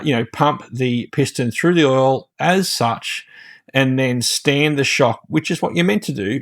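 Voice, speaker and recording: Man, mid-pitched, easygoing hobby host, chatty workbench commentary, dry close sound. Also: dry recording. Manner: chatty, rambling, many fillers and self-corrections. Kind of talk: casual build commentary.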